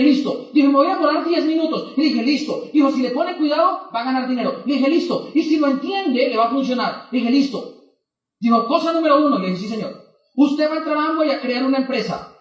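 Animated storytelling man in an echoey hall. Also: very high-pitched, recorded from a distance, lo-fi sound. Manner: animated, acts out both sides of dialogues. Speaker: motivational speaker. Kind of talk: storytelling talk to an audience.

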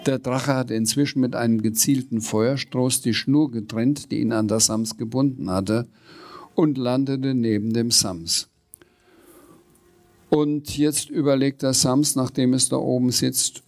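Relaxed man reading a children's story. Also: medium pitch, a little slow. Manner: relaxed, with small slips and fillers.

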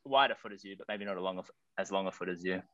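Australian male host, lower register, easy casual chat, slightly lo-fi sound. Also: rapid-fire, crowd noise. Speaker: podcast host. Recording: slightly dull lo-fi mic.

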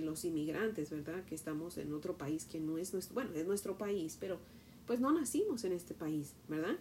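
A middle-aged Mexican woman with a Mexican accent and a medium-pitched voice teaches from the Bible and animatedly tells a personal story, often asking "¿verdad?". A little hiss or hum is audible.

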